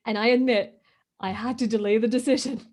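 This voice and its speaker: Speaking a little fast, this Hong Kong woman has a higher, steady, darkish voice and is not a native English speaker. As an interview guest sharing her story, she's emphatic and often tacks on "right?" looking for agreement.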